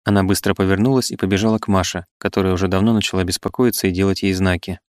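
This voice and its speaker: A man narrating a classic novel in a measured, even way. His voice sits on the low side, and the recording is dry and close, with no room sound around it. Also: no echo. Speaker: audiobook narrator. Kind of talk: scripted literary narration.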